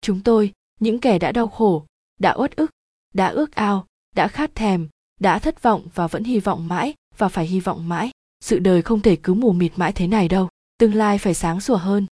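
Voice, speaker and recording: A woman's voice: medium pitch, moderate pace, a little mellow, no echo, studio quality. A woman reading a literary story aloud as narrator, dramatic and emotive.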